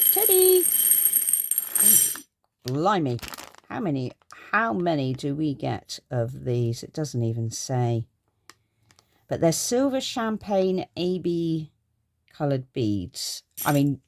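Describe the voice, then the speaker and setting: A woman's voice: a bass voice, darkish tone. A middle-aged woman chatting casually through a craft haul in her garden craft room, gushing and rambling. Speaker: craft vlogger.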